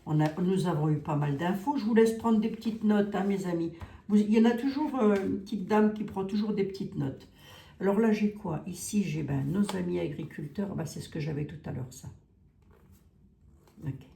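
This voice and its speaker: Reading cards for her viewers, this psychic woman speaks with a Lorraine French accent, warm and talkative, frequently adding "hein" to what she says. Her voice runs low and creaky, recorded in a room with an echo.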